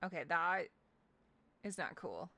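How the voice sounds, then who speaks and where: A woman's voice: on the low side, very animated, slow pace, gravelly, background noise. A woman streamer giving casual, chatty commentary while she plays a game, sometimes talking to her dog.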